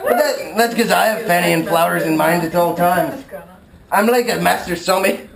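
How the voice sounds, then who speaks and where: A man's voice: sits high, moderate pace, gravelly, over a noisy crowd. A man delivering a bawdy comic after-dinner toast with a theatrical, mock-poetic manner at a live supper. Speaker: speaker giving a toast at a Burns supper. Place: live supper gathering in an echoey room. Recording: echoey room, loud background noise, clicks.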